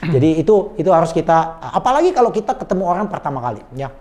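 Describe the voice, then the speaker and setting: Brisk sales-trainer type in a coaching chat, fast and emphatic, polite address. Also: medium pitch, very animated, warm tone. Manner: chatty and emphatic, often tags sentences with a polite "Pak"; acts out sample phone greetings in a changed voice. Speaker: sales and body language trainer. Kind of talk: conversational coaching talk.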